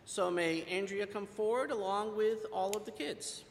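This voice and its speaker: A pastor leading a halting prayer in a church service, pausing with fillers before reciting the Lord's Prayer. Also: male voice, high voice, gravelly, a little hiss or hum. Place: church sanctuary with long reverb. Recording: long church reverb.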